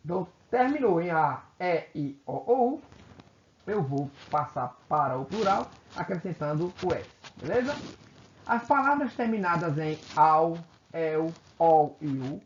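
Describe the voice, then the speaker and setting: A Brazilian man teaching a recorded grammar video lesson, explaining step by step, often checking in with his students and correcting himself as he goes. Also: high-pitched. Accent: Brazilian Portuguese. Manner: self-correcting, repeats phrases. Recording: echoey room, muffled lo-fi sound with faint hiss.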